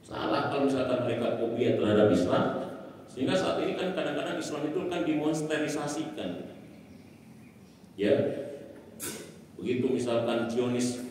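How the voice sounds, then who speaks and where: A man's voice: mid-range voice, animated, moderate pace, pauses often, a little mellow, slight background noise. A man preaching a sermon in a mosque, emphatic, asking rhetorical questions and answering them himself. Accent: Indonesian. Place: mosque hall. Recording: echoey hall from far off.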